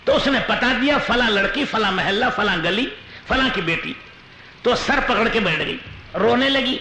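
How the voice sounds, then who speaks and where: A male Islamic preacher telling a story in a sermon, animated, with chuckling asides. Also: high-pitched. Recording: roomy echo with faint noise.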